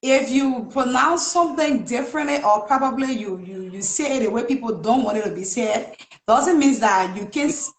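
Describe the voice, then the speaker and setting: A woman from Liberia, hosting a casual talk show in a polite, measured manner. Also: fairly high pitch. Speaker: host. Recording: echoey, roomy sound.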